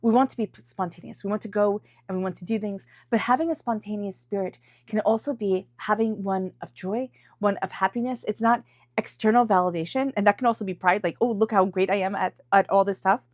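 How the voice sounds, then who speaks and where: This tarot reader has a head cold, so her voice sounds stuffy as she does an intuitive reading for viewers, repeating phrases for emphasis. She speaks at medium pitch and a little fast, in a dry recording.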